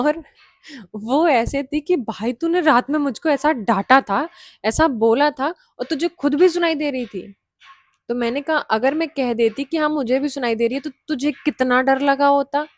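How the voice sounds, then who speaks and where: A woman's voice: sits high, normal speed, no room sound. A young woman casually telling a hostel ghost story, chatty, slipping in English phrases and laughing often.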